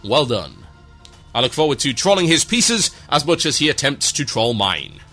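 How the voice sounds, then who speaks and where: Sarcastic radio host, lively. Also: male voice, fairly high pitch, moderate pace, faint music behind. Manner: dry, sarcastic, mock-grand delivery. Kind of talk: reading listener shout-outs on an internet radio show.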